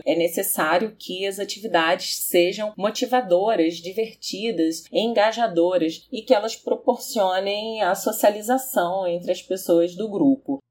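A woman psychologist, slowly and carefully explaining her work in an interview. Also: medium pitch, darkish tone, husky. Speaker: psychologist and researcher.

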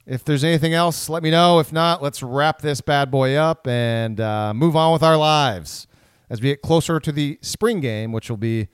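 A man's voice: a little high, normal speed, clean tone, no room sound, clean studio sound. A man co-hosting a casual sports podcast, rambling with frequent restarts. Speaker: podcast co-host.

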